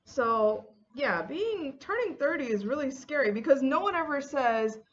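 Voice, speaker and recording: A woman's voice: high voice, expressive, unhurried, dull audio. A woman in her early thirties chatting casually in a get-ready-with-me vlog, telling stories with lots of "like" and retold dialogue. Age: 30s. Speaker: beauty vlogger.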